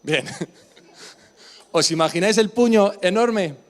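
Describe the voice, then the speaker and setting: A male pastor with a Spain Spanish accent delivers a sermon in a church. His voice sits a little high, and he keeps it conversational, turning to the congregation with questions. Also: slow pace, a faint crowd. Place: church service.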